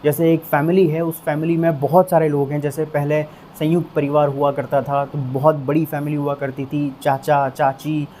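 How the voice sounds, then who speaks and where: Mellow-voiced man teaching vocabulary. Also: a little high, little pitch movement, slight background noise. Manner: explains patiently, drills words with slow repetitions. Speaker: English teacher. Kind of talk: Hindi-medium English vocabulary lesson.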